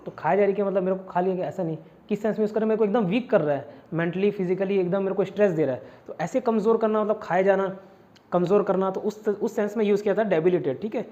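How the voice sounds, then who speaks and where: A man from India with a fairly high voice teaches vocabulary in an online exam-prep lesson. He repeats each word and its meaning again and again, mixing Hindi and English. The recording sounds slightly dull and lo-fi. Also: quick pace, dark tone.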